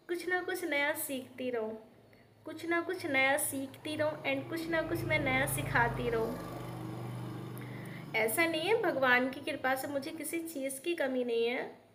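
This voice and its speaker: Woman in her 30s, high voice; earnest personal vlog, faint background noise. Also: slow, long pauses. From Uttar Pradesh, India. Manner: earnest and heartfelt, mixing English words, with many restarts. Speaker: teacher and YouTuber.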